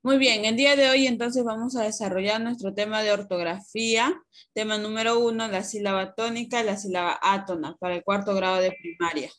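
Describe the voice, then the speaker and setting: A woman teaches young pupils over a video call. She explains patiently and slowly, asking questions and then answering them. Her voice sits at an ordinary middle pitch. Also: steady tone, a bit bright. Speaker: primary school teacher. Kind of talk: online class lesson.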